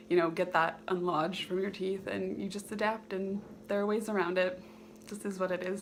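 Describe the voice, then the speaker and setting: A woman's voice: on the low side, gravelly, a little hiss or hum. A woman vlogger giving informal personal advice, hesitant and thinking aloud as she goes. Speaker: video host sharing personal advice. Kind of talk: informal advice vlog to camera.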